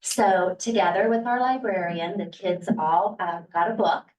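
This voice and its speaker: A woman's voice: mid-range voice, unhurried, a little mellow, lo-fi sound, slight background noise. A woman first grade teacher introducing her students' presentation in an upbeat way, with the occasional uh. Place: boardroom. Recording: echoey room from a distance.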